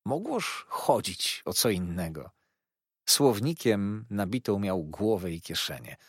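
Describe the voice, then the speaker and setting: A man narrating a classic novel in a measured, old-fashioned storytelling manner. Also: lowish voice, very animated, slightly rough, no room sound, studio quality. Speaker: audiobook narrator. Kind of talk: scripted literary narration.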